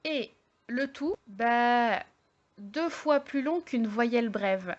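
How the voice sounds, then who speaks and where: A woman teaching an online language lesson, explaining slowly step by step with many hesitations and fillers. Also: on the high side, expressive, dull audio. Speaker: Arabic teacher.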